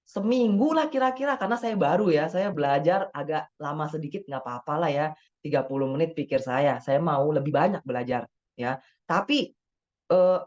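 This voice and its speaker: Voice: medium pitch, a little mellow. Chatty doctor on dull webinar audio. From Indonesia. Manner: chatty, acts out quoted dialogue, frequent tag words. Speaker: doctor speaking on a webinar panel. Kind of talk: casual webinar talk.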